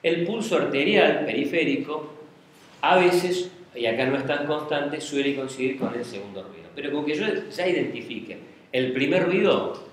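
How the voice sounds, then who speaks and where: A man's voice: a little high, normal speed. A man giving a medical lecture, explaining step by step and checking in with the class often. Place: lecture room. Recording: very echoey classroom with faint hiss.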